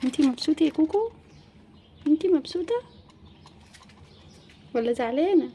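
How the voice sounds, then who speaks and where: Woman, Egyptian accent, high voice, mellow tone, gentle sing-song coaxing, faint birdsong hiss behind. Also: animated, moderate pace. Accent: Egyptian Arabic. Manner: soft, coaxing, sing-song pet talk. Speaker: pet channel host. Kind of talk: casual talk to a pet cat. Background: faint birdsong outdoors.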